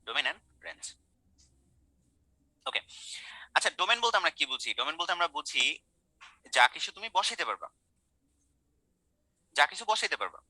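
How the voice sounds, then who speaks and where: A man's voice: on the high side, big pitch swings, normal speed, long pauses, sharp tone, no echo, low-quality recording. A young man teaching math in an online class, speaking colloquially, coaxing and quizzing his students.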